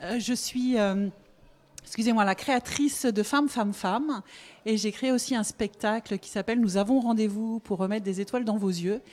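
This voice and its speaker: A woman's voice: mid-range voice, moderate pace, a little mellow. A woman on a talk show as a guest, speaking lightly and laughing easily.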